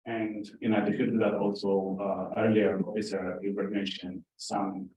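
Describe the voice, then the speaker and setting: A man's voice: fairly low pitch, level tone, moderate pace, warm tone. Hesitant man from Ethiopia, echoey hall. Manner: hesitant, with frequent "uh" fillers. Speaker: forum contributor. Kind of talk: open forum remarks. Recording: echoey hall, speaker far from mic.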